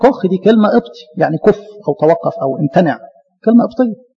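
A man with an Egyptian Arabic accent giving a lively church lecture, talking to his listeners as his beloved. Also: high voice, quick pace, vocal fry, husky, in a large hall, lo-fi sound. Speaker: Coptic church speaker.

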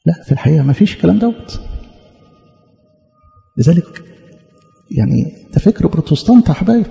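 A man's voice: on the high side, vocal fry, warm tone. A man with an Egyptian Arabic accent preaching a teaching sermon, arguing through rhetorical questions and emphatic repeated denials. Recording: echoey hall, dull lo-fi sound.

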